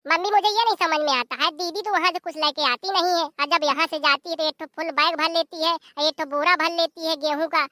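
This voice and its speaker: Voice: extremely high pitch, fairly even intonation, brisk, few pauses, pushed and bright, no room sound, studio quality. A performer voicing a cheeky, complaining young brother-in-law.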